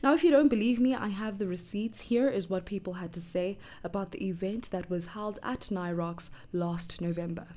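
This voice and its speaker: A woman hosting her own podcast in an upbeat, chatty way. Her pitch sits in a plain middle range, and now and then she drops to an almost whispered aside. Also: moderate pace, few pauses, warm tone. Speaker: podcast host. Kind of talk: solo podcast chat.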